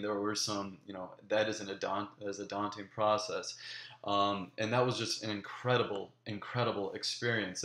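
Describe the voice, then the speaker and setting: A man's voice: on the low side, a bit bright, reverberant. Earnest young man with many ums. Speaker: graduate student applicant. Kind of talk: video application pitch.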